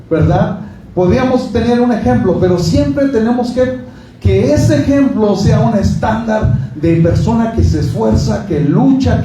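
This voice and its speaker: High-voiced pastor in an echoey church. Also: male voice, mellow, slight background noise. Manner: conversational preaching, asks the congregation questions, jokes. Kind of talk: sermon. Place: church hall. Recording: echoey hall, from far off.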